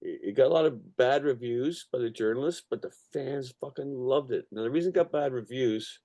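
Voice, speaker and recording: This musician, songwriter and record producer speaks at medium pitch, a little fast, with a dark tone. Interviewed casually, he rambles through stories, swearing and emphatic, constantly checking the listener with "you know" and "right".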